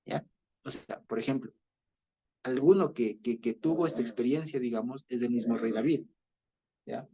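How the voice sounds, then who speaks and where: Husky Ecuadorian preacher, explaining patiently. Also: male voice, medium pitch, moderate pace, long pauses, dark tone. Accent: Ecuadorian Spanish. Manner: explanatory, repeats himself with many fillers and checks for understanding. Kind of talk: bible study teaching.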